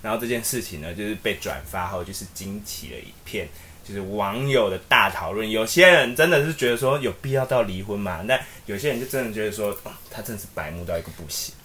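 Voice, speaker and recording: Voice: medium pitch, animated, fast talker, fairly bright tone, slight background noise. A podcast co-host, giving wry commentary in a casual chat.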